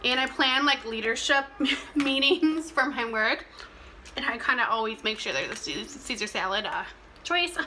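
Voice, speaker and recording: A young woman talks casually to the camera while eating, telling things in an animated way between bites. Her voice is fairly high and very bright, with a sharp edge. There is clear noise behind her in a simple indoor recording. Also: normal speed. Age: young adult. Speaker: mukbang vlogger. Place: small plain indoor room. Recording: clear background noise, clicks.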